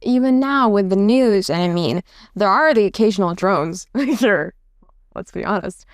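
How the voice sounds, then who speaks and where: A woman's voice: mid-range voice, expressive, unhurried, smooth, no room sound, studio quality. A woman interviewer asking questions hesitantly, with fillers as she builds up to each question.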